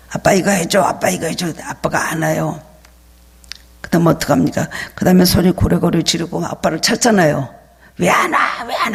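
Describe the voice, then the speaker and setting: A man preaches an emphatic sermon in a fairly high, gravelly and breathy voice. His words ring out with long reverb through a church sanctuary. He sometimes acts out a child's pleading voice. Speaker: pastor.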